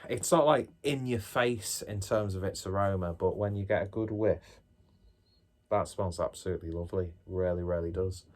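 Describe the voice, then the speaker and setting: A man's voice: deep voice, normal speed, darkish tone. A man giving a casual tasting review to viewers, musing aloud with chatty, self-deprecating asides. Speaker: beer reviewer, host.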